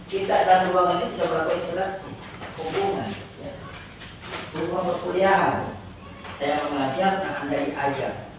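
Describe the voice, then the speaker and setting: A male law lecturer with a high voice jokes his way through a class in a university lecture room, teasing students and ending sentences with "ya." His Indonesian accent blends Makassar and Javanese, and he speaks at a moderate pace with fairly even intonation. Recorded from afar, the classroom sounds echoey and noisy.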